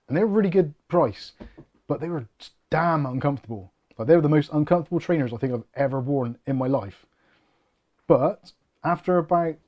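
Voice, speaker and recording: This British host of a tech channel livestream, middle-aged, speaks in a mid-range voice with a darkish tone. He rambles through viewer comments in a relaxed, jokey, self-deprecating way.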